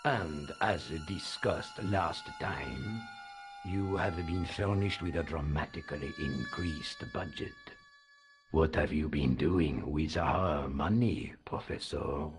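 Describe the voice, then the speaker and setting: The sinister grand master of a secret order in a video game. He has a very deep voice and speaks slowly and coldly, like a man who gives orders and expects them to be obeyed. Faint music plays under him. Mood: commanding. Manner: slow, cold and commanding.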